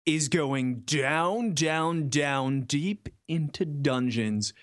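On this podcast, the co-host speaks in a slightly high voice and draws out his words in relaxed, conversational banter. It's a clean studio recording without room sound.

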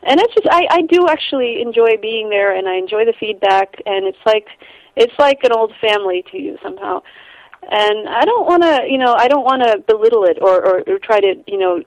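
In a casual interview, the young Icelandic photographer, who speaks with an American accent, rambles brisk and lively, restarting often and laughing easily. Her slightly high voice comes through a dry, poor-quality recording.

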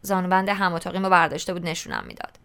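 A woman's voice: lowish voice, huge pitch swings, gravelly, a bit bright, clear, resonant tone. A woman narrating a novel in the first person, in a colloquial, conversational storytelling style. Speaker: audiobook narrator.

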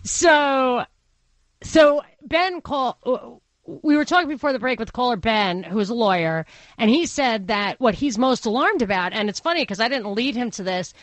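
Woman, Brooklyn accent, fairly high voice, dry close studio sound, talk radio host, conversational monologue, opinionated and digressive. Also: lively intonation, normal speed, no echo. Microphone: close studio microphone.

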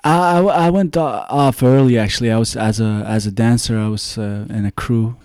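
A young man from Sweden with a Swedish accent, a dancer and musician, talking casually as an interview guest, halting and filling with "you know.". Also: lowish voice, smooth, dry recording. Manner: relaxed, halting, many "you know" fillers.

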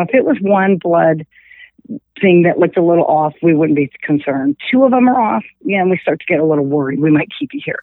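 A woman's voice: fairly low pitch, no room sound. Middle-aged woman telling a story by phone. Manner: animated, acts out quoted dialogue. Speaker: guest. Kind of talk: casual storytelling over the phone. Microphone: telephone. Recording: tinny phone line.

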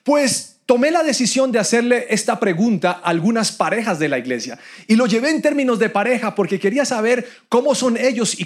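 Guy talking to viewers about marriage, pretty high voice for a man, earnest, loves repeating himself to make a point. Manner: earnest, storytelling, builds with repetition. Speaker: church speaker on marriage. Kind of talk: speaking to viewers.

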